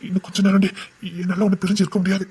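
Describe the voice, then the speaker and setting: A man's voice: high voice, monotone, racing, a little mellow, slightly rough. A young man playing a devoted, apologetic lover in a web series drama, coaxing and pleading affectionately. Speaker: actor.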